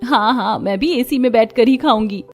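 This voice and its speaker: A woman's voice: fairly high pitch, moderate pace, lightly acted. A woman voicing a carefree young daughter-in-law in a cartoon, breezy and sometimes pleading. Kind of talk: cartoon voice acting.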